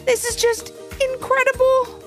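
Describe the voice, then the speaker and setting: A woman's voice: very high voice, measured pace, soft background music, pitched above the performer's own voice. A woman voicing a cheerful, polite little girl who is amazed by everything she sees. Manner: bright, wide-eyed and excited.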